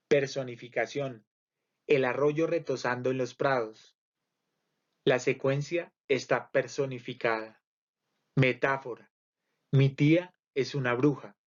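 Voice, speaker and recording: A man reads a literature lesson aloud at a mid pitch. He works through lists item by item in a measured, steady way. The recording sounds muffled and lo-fi. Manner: measured, list-by-list reading. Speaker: literature teacher.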